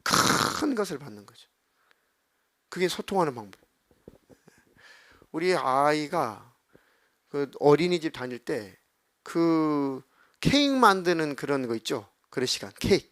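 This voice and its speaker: A man's voice: on the high side, sing-song, unhurried, long pauses, fairly bright tone, dry recording, studio quality. A middle-aged man preaching a sermon as pastor, speaking conversationally and acting out prayers and quoted speech.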